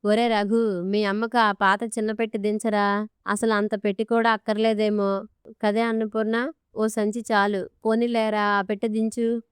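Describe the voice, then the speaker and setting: A woman's voice: medium pitch, flat delivery, normal speed, smooth, no echo, studio quality, lightly acted. A woman reading an audiobook story, voicing a stern, commanding older father-in-law. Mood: firm. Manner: commanding, blunt.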